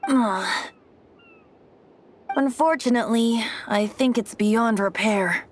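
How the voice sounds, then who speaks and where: A woman's voice: on the high side, slow pace, a little hiss or hum. A woman playing a youthful, theatrical boy bard in an anime-style video game, with a lilting, showy delivery. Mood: wry. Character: youthful, playful, theatrical boyish male bard.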